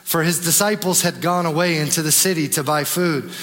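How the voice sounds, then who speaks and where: A man preaching a sermon, swinging between raised, urgent emphasis and hushed low asides. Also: fairly quick. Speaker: pastor. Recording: long hall reverb.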